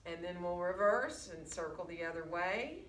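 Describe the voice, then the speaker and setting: A woman teaching a gentle yoga class, speaking through a face mask and giving guided breathing and movement instructions. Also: on the low side, animated, moderate pace. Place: indoor yoga studio. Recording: distant mic, echoey room, faint noise.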